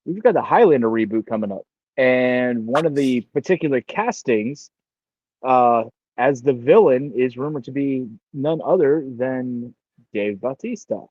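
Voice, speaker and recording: Male podcast co-host, relaxed and easygoing, dull lo-fi mic with dry sound. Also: medium pitch, a little slow, no room sound. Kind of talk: casual podcast chat.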